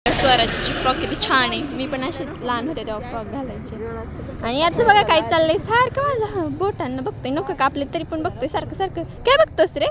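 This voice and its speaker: A woman's voice: sits high, animated, a little fast, a crowd in the background. A young woman chatting to her phone camera outdoors on a vlog, talkative and teasing, laughing often. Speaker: vlogger. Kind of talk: casual vlog chat to camera. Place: outdoors on village lanes and at a bus stand. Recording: noisy outdoor phone recording. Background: loud street noise.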